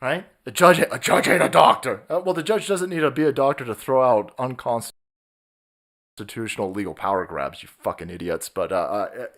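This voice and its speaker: A man's voice: medium pitch, fairly quick, fairly bright tone. A man on a live stream, ranting in a profane, mocking way and laughing often.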